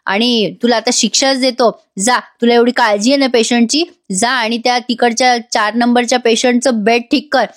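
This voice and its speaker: A woman's voice: a little high, fairly even intonation, moderate pace, few pauses, no room sound, studio quality, natural voice. A woman doing Pote sir, a bossy hospital boss. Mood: scolding. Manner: scolding, domineering. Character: bossy arrogant male hospital in-charge.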